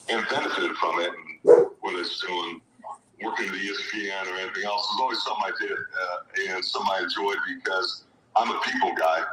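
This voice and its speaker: Middle-aged guy, low voice, kinda hesitant, far off the mic with lots of noise behind. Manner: thoughtful and hesitant, many restarts. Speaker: guest, former pro football player and high school football coach. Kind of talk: reflective interview answers. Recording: echoey distant mic with background noise.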